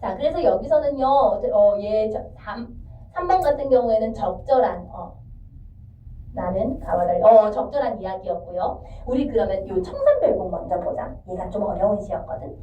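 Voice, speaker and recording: A woman teaching a classroom lecture on literature. She talks in a lively way, sings out lines of verse and quizzes her students. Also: medium pitch, moderate pace, a little hiss or hum. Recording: echoey classroom, distant mic, dull.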